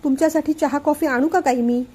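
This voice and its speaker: A woman voicing a gentle, reassuring young woman in a family storybook reading. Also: high voice, fairly even intonation, a little fast, lightly acted. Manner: soft, reassuring.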